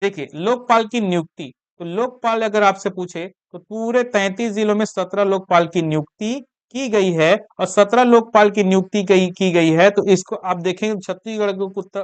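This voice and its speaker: A high-pitched young man leads an exam-prep lesson. A lingering cough is in his voice, and he drills key facts through repetition. The sound is smooth and clear, recorded close and dry. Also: no room sound. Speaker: exam coaching teacher.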